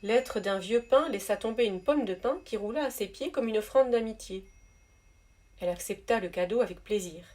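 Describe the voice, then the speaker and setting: A woman reading a spiritual story aloud in a soft, measured, gentle narrating voice. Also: mid-range voice. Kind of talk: calm read-aloud storytelling.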